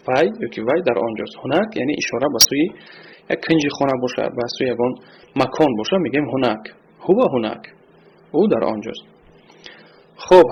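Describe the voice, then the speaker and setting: A man with a Tajik accent teaching Arabic, slowly repeating phrases and explaining grammar. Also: medium pitch, dull audio, a little hiss or hum. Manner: slow deliberate repetition of phrases. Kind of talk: recorded language lesson.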